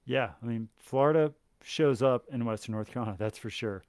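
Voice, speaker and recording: Relaxed podcast host man, dry sound. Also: medium pitch, a little fast, smooth, no echo. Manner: relaxed, brief affirming interjections. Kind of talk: casual chat.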